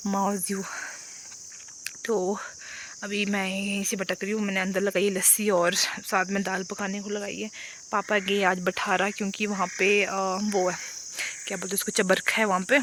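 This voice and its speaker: A woman's voice: mid-range voice, little pitch movement, moderate pace, a bit bright, slight background noise. A young woman chatting casually in a rambling vlog, speaking outdoors around a rural home and fields into a handheld phone. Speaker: vlogger.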